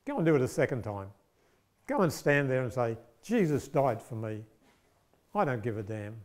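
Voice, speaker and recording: A man voicing a gentle, persistent male priest who speaks calmly and coaxingly. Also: mid-range voice, normal speed, close to an everyday voice. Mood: insistent.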